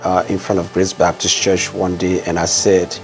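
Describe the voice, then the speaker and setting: Middle-aged Liberian pastor, very deep voice, unhurried interview answers. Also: male voice, monotone, soft background music, rough recording. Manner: measured storytelling, frequent "uh" pauses. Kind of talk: conversational interview.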